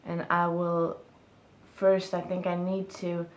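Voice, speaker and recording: Slow and monotone at a fairly low pitch, a young vlogger from Sweden delivers a reflective, casual monologue to the camera in second-language English with a Swedish accent. She sits on a bed in a small, echoey room, searching thoughtfully for words and gesturing as she speaks.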